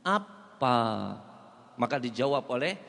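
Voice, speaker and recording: A man's voice: mid-range voice, animated, measured pace, fairly bright tone. A male preacher, giving a weekly mosque sermon full of rhetorical questions to the audience and chanted Arabic phrases. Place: mosque hall. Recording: echoey hall reverb.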